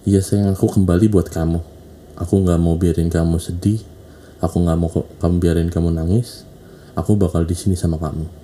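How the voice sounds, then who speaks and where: An earnest young soldier saying a solemn, heartfelt goodbye, voiced by a man retelling the scene. The voice sits low and very dark and mellow. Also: fairly even intonation, fairly quick, slight background noise, natural voice. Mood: tender. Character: earnest young male soldier parting from wife.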